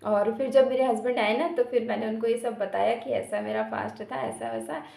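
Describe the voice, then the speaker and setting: A woman's voice: a little high, steady tone, moderate pace, vocal fry, warm tone. Chatty woman vlogger, roomy echo. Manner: chatty, sprinkles short filler words. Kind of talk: casual storytelling to viewers.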